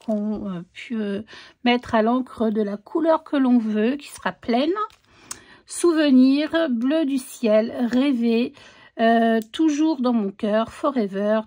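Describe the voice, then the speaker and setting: A crafts vlogger casually unboxes a craft stamp collection, hesitant and full of fillers as she reads the stamp words out as a list. Her voice is fairly high and a little mellow.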